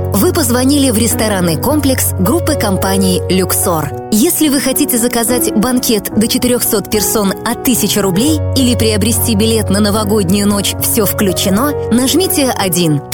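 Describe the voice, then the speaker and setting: A woman reading scripted phone menu greetings in a formal, polite customer-service manner. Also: medium pitch. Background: music.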